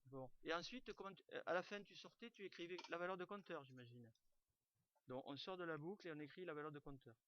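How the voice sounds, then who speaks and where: A man's voice: a little high, fast talker, a bit bright, muffled recording. A man teaching an online class, talking informally with lots of fillers and restarts over a computer mic. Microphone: computer mic on a video call.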